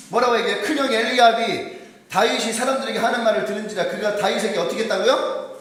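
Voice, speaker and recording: A male pastor from South Korea delivering an animated sermon in a church, often asking the congregation questions. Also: high voice, a little fast. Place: church sanctuary. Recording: very echoey hall, distant mic.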